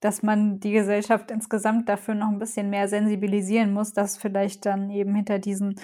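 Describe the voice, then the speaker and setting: A young woman, a student, calmly explaining her view in a casual conversation. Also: medium pitch, brisk. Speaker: student, podcast co-host.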